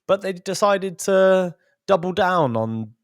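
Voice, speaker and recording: A man's voice: high-pitched, lively intonation, takes it slowly, no room sound, clean studio sound. A man co-hosting a casual podcast chat who drags out key words for emphasis. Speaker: podcast co-host.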